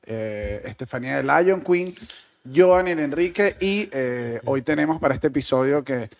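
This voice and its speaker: Male podcast host, gravelly, halting casual intro. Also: mid-range voice. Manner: relaxed with halting fillers. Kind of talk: casual chat.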